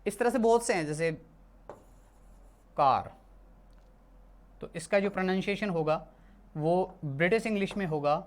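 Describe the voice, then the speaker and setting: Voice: medium pitch, fairly quick. A teacher from India giving a classroom lesson, explaining patiently and often repeating and correcting themselves. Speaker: English teacher.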